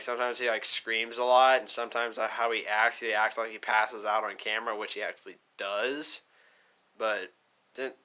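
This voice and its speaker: A man's voice: medium pitch, pushed and bright. A man giving casual reaction commentary as a video host, slangy and full of exasperated questions.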